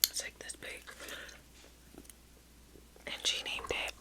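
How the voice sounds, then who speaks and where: A middle-aged woman whispering a rambling, hesitant ASMR story close to the mic while chewing gum. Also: takes it slowly. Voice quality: soft unvoiced whisper. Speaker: ASMR vlogger.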